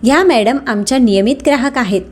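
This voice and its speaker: A woman's voice: a little high, brisk, husky. Polite, composed male manager in a storybook, read by a woman. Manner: calm, polite. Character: calm, respectful male restaurant manager.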